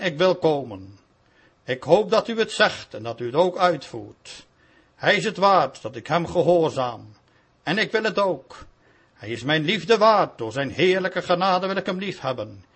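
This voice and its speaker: A man's voice: high voice, a bit bright, breathy edge. A man preaching a sermon in a solemn, pleading manner.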